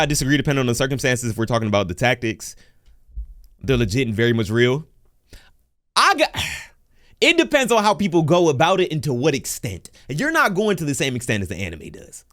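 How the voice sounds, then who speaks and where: A man giving casual live reaction commentary, with loud, animated interjections. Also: medium pitch, brisk, pauses often. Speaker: reaction streamer.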